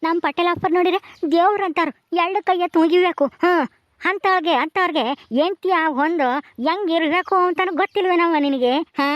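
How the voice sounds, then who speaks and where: A woman's voice: extremely high pitch, brisk, no room sound, muffled recording. A woman acting a drunken, quarrelsome village man who heckles and keeps demanding "ha?". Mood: drunk, accusing. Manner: slurred, heckling, ends lines with a challenging "ha?". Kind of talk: village comedy-drama acting.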